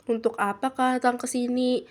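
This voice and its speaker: A woman reads out a proud young guardian girl in a storybook, quick to anger, her voice high and loud when provoked. She sounds stubborn and indignant. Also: steady tone, lightly acted. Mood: quiet. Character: young female guardian heir, proud, short-tempered. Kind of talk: storybook reading.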